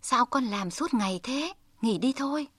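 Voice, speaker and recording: A woman's voice: a little high, expressive, normal speed, a bit bright, dry recording. A woman voicing a tiger who acts as a caring father, in a stern, protective storybook voice. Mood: gentle.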